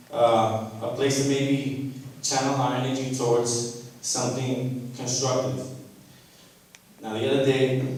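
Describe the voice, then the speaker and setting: A man in his thirties from Brooklyn, giving an emotional, halting reunion speech to an audience, with many fillers. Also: medium pitch, a little mellow. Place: indoor event hall. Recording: echoey hall from far off, faint noise.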